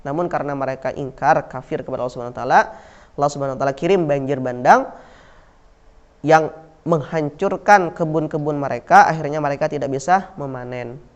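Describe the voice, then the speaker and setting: A man lectures on Islamic history in a fairly high, fairly quick voice, his Indonesian accent clear despite the dull lo-fi recording. He repeats key words, often says "nah," and answers his own questions.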